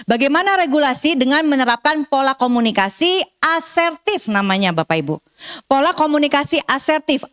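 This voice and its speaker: Lady counselor talking to parents at a seminar, high voice, acts out little dialogues. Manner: warm coaching tone, guides breathing counts slowly and softly.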